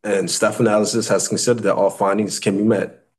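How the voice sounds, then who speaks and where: A man's voice: fairly low pitch, flat delivery, a little fast, darkish tone. A man in his thirties with an American accent, giving a formal presentation as a city planner, often repeating and correcting his words. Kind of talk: formal slide presentation at a public meeting. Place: indoor meeting room at a table.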